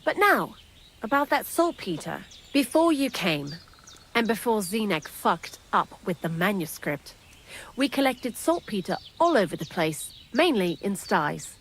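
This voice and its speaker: In an unhurried, very animated mid-range voice with a faint hiss or hum, an actress performs game dialogue. Her character is a talkative, sardonic young thief lying low who helps the miller with his thieving.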